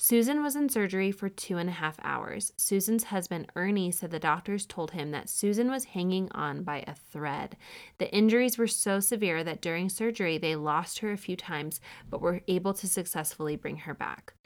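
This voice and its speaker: Chatty sarcastic woman, low voice. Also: expressive, moderate pace. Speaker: podcast host recapping a true-crime show. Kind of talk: casual commentary.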